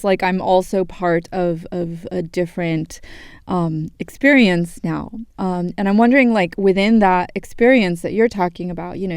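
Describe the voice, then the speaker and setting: A woman as guest host of a public radio show, reading her introduction and asking questions in a measured, scripted way. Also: on the low side, darkish tone, smooth, dry recording, studio quality.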